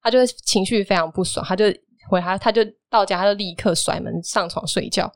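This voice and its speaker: A woman tells a story at a brisk clip, animated as she replays what everyone said. Her voice sits in a middle pitch and the recording is close and dry, with no room sound. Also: no room sound. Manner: lively storytelling, animated retelling of dialogue. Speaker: guest telling a personal story. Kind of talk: casual podcast chat.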